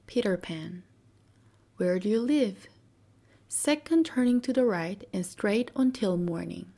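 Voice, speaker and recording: A woman voicing a cheeky, boastful boy who never grows up, in a soft whispered role-play for a bedtime storybook. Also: mid-range voice, lively intonation, takes it slowly, vocal fry, exaggerated voice.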